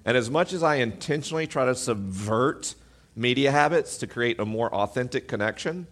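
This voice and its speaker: On stage at a live podcast event, a man with a booming, deep voice speaks to his audience at normal speed. He comes across as animated and self-mocking, amplified through a mic.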